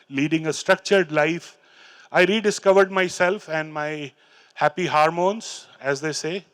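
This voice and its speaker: A middle-aged speaker of Indian English, whose first language is Hindi or Urdu, stands on a large stage in a hall with a handheld mic, telling his recovery story and reciting poems. His voice is a little high, clear, and resonant, and his earnest account halts with fillers and restarts.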